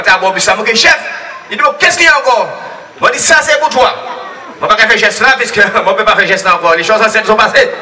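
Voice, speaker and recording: A man giving a rambling, lively faith testimony at a church gathering, laughing often as he tells his story. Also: high voice. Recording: distant mic with crowd noise.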